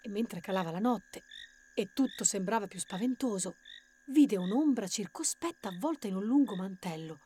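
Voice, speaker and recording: A woman reading a children's story aloud in a lively, expressive way, doing the characters' voices. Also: mid-range voice, normal speed, slight background noise.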